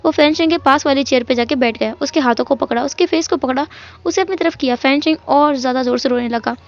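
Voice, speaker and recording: A woman's voice: sits high, quick pace. A woman narrating a fan fiction story in a chatty, emotional retelling style. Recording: dull lo-fi audio.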